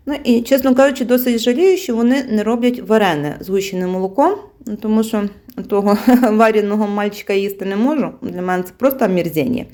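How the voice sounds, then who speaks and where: A woman's voice: medium pitch, darkish tone. Chatty woman vlogger unpacking groceries. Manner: chatty, with frequent fillers and laughs. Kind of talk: casual chat.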